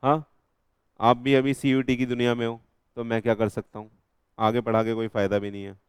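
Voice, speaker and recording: Teasing Indian law teacher quizzing a class. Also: male voice, mid-range voice, level tone, brisk, clean tone, no room sound, clean studio sound. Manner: quizzes students constantly, teasing and joking; mixes Hindi with English terms. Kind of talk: live classroom revision lecture.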